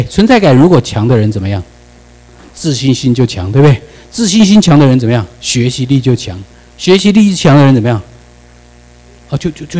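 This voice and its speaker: A man's voice: medium pitch, dark tone, poor audio. A man lecturing a class in Taiwanese-accented Mandarin, firing rhetorical questions at the room and slipping English words into his speech.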